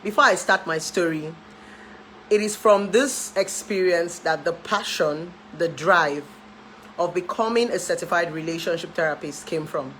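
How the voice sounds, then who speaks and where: A woman in her thirties with a Nigerian accent, a relationship therapist, chats casually to camera with her followers about her life, laughing often and slipping into pidgin. Her voice is fairly low and a bit bright, at a moderate pace. The recording is rough, with slight background noise.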